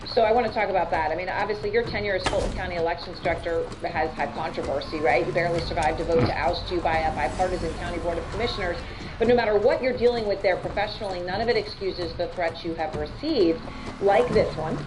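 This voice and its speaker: A woman anchoring a TV news report, reading briskly and formally and interviewing a guest. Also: on the low side. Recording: noisy news clip played back.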